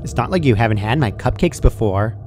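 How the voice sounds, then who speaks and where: A man's voice: mid-range voice, expressive, a little fast, background noise, lightly acted. A man voicing a perky, sadistic female cartoon pony from a fan story, casual and chirpy while menacing. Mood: mildly annoyed.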